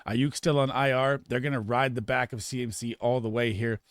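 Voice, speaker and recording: A man giving casual fantasy football start and sit analysis in an emphatic, rapid way, often restarting his sentences. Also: medium pitch, fairly even intonation, no echo.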